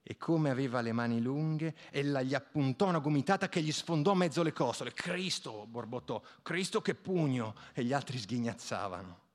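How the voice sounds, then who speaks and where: A man reading a literary short story aloud on the radio, with expressive storytelling. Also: mid-range voice, fairly quick, few pauses. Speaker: radio reader.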